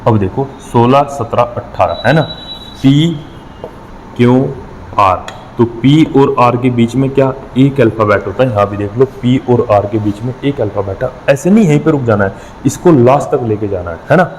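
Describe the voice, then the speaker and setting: A man's voice: mid-range voice, normal speed, a little mellow, long reverb tail, slight background noise, rough recording. A man teaching an exam-prep reasoning lesson, working through problems step by step and counting numbers aloud with frequent checks on his students.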